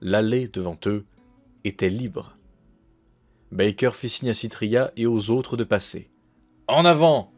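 A man reading an audiobook in a measured, dramatic narration. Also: fairly low pitch, darkish tone, soft background music. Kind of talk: scripted narration.

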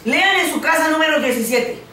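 An older woman preaching a sermon in short phrases, pausing for an interpreter, in a living room. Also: sits high, lively intonation, pushed and bright, a little hiss or hum. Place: living room set with framed pictures. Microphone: far camera. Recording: echoey room from far off, faint music.

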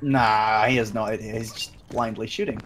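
A man's voice: on the low side, fairly even intonation, moderate pace, a bit bright, a little hiss or hum. A young man chatting during a co-op war game, dry and joking, swearing when something startles him, on a headset mic. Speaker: gamer. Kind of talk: co-op gameplay chat.

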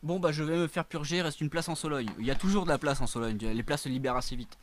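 A man hosts a relaxed live stream from a room shared with friends. His voice sits a little on the high side, and he jokes along with plenty of hesitant fillers. A faint hum of background noise stays under him. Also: quick pace. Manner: joking, hesitant with many fillers. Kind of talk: casual live-stream chat.

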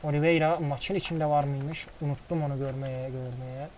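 Excitable man calling a football game. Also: fairly high pitch, moderate pace, slight background noise, rough recording. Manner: excitable play-by-play, swears casually. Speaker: gaming commentator. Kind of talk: casual football game commentary.

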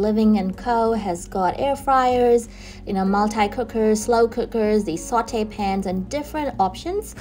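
A young adult woman with a warm, mid-range voice vlogs from a car on the motorway. She narrates a casual shopping tour in a chatty, upbeat way, pointing out products and prices.

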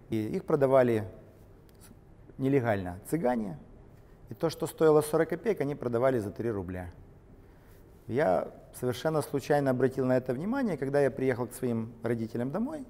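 Middle-aged man, business co-founder, animated, steady mid pitch, long hall reverb around him. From Ukraine. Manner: animated, gesturing while walking and talking. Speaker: company co-founder. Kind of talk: interview, business story. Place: large factory halls and offices, indoors. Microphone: camera-mounted shotgun mic.

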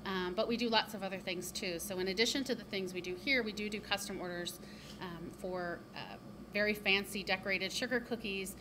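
A woman's voice: medium pitch, steady tone, fairly quick. A woman who co-owns a bakery, talking upbeat and chatty with many ums in an interview inside her shop. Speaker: bakery co-owner. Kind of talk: casual interview. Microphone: handheld reporter mic. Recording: noticeable background noise.

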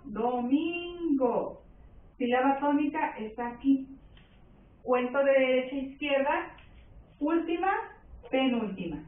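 A woman teacher with a Mexican accent, giving a slow, patient classroom lesson, stretching words and checking that her pupils follow. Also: high voice, a little hiss or hum. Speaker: primary school teacher. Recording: roomy, distant, phone-like sound.

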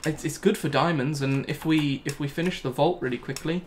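A man's voice: on the high side, steady tone, a little fast, slight background noise. A young man talking through his gameplay live, thinking aloud and repeating himself when things go wrong. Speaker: gaming channel host.

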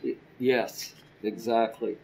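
Older man, church bible class teacher, slow halting delivery, mellow dark voice, podium mic in a classroom. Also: medium pitch, steady tone, vocal fry, a little hiss or hum, rough recording. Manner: slow, halting, with frequent ums and repeated words. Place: church classroom with a projector screen. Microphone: podium microphone.

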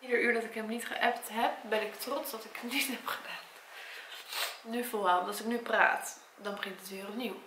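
A Dutch woman in her twenties talking to her camera at her parents' home, tearful and congested from crying, in a soft, halting voice. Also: fairly high pitch, fairly even intonation, roomy sound, slight background noise. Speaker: vlogger and primary school teacher. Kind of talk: personal vlog talk to camera. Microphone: camera mic.

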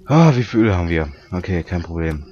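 Low-voiced joking let's-play man. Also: sing-song, warm tone, lo-fi sound, slight background noise. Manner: joking, reads on-screen English text aloud haltingly. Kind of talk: casual gaming commentary.

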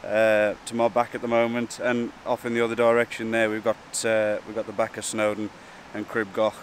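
A man, talking casually and a little hesitantly to camera as a wildlife vlogger, outdoors beside rushing water. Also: on the low side, monotone. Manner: informal, hesitant and chatty. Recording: outdoor wind, rushing water and traffic noise.

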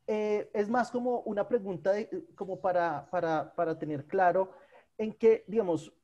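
A man's voice: high-pitched, normal speed, mellow, muffled recording. A man asking questions in an online academic discussion, phrasing things hesitantly and repeating words. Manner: hesitant, careful phrasing with repetitions. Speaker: seminar participant asking questions. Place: online video call.

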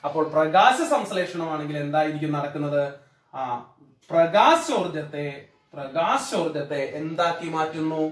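A man's voice: on the high side, normal speed, fairly bright tone, recorded from a distance. A man with a Malayalam accent teaching science to pupils, asking a question and then answering it himself, again and again. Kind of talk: classroom-style science lesson. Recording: echoey room, away from the mic.

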